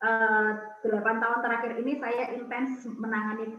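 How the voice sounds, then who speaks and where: A middle-aged woman from Indonesia tells lively stories to a women's prayer group, slipping into the voices of the people she quotes. Her voice sits high. The video-call audio is muffled and heavily echoey. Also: moderate pace, a little hiss or hum. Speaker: speaker at a prayer community's Zoom talk.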